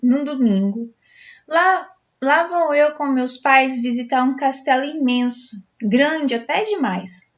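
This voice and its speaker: A Brazilian woman teacher reading a storybook aloud to schoolchildren in an expressive, dramatic way. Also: sits high, slow. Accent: Brazilian Portuguese. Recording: dull lo-fi sound.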